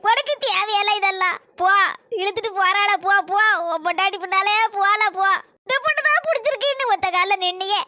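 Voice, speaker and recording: A shrill wailing mother-in-law. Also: brisk, bright, forceful tone, no room sound. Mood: bitter. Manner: wailing, cursing lament. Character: grieving village mother-in-law, shrill and dramatic. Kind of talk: cartoon voice acting.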